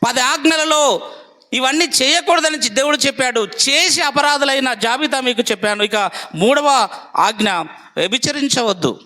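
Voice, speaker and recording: A man's voice: extremely high pitch, moderate pace, pushed and bright. A man preaching a sermon, with emphatic, repetitive lists.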